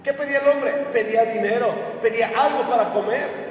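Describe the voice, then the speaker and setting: A man's voice: very high-pitched, fairly quick, lo-fi sound, slight background noise. A man preaching a conversational sermon, acting out voices as he retells stories. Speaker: pastor. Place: church hall. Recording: echoey hall from far off.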